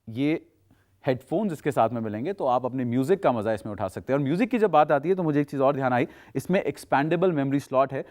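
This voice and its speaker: A man's voice: mid-range voice, a little mellow. A man presenting a product demonstration as a persuasive teleshopping salesman, talking off the cuff and slipping in English phrases. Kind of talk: unscripted product demonstration pitch.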